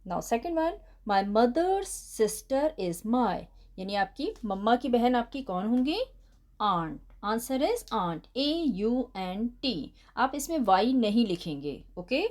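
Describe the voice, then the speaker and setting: A woman teacher with an Indian accent walks children through their answers, her fairly high voice rising and falling with lots of expression. She dictates English at an unhurried pace, spells words out letter by letter, and calls her pupils 'beta'. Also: sing-song, darkish tone. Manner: addresses children affectionately as 'beta'. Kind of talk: bilingual classroom lesson explaining answers.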